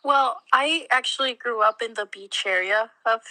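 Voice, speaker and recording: In a laid-back interview, a young adult college student from Mexico chats away with lots of fillers and laughs slipped between words. She speaks at a moderate pace in a voice on the high side, pushed and bright. The audio is dry and of low quality.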